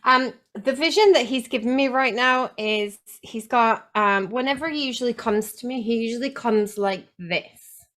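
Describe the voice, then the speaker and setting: A woman's voice: a little high, normal speed, a bit bright. A woman who works as a spiritual channeler, chatting with asides and filler "um"s during a live channeling session.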